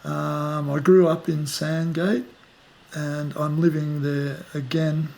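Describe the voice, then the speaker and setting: A man in his fifties with an Australian accent and a gravelly, fry-edged voice pitched a little high. He answers unhurriedly and reflectively, trailing off into fillers as he thinks. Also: level tone, slow, a little mellow. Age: 50s. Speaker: musician interviewee. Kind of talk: casual interview. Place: outdoors at the back of a house, rainy day.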